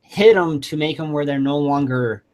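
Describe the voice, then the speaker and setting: A man's voice: on the high side, moderate pace, a little mellow. A man co-hosting a casual podcast, chiming in with short, laid-back remarks. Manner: laid-back, brief interjections. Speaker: podcast co-host.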